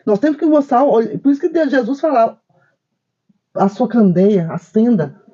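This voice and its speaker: Lively high-voiced woman, emphatic. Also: moderate pace, slightly rough, highs cut off. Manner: emphatic, tells stories with quoted dialogue; wide swings of pitch when stressing points. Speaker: co-host. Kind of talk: spiritist discussion program.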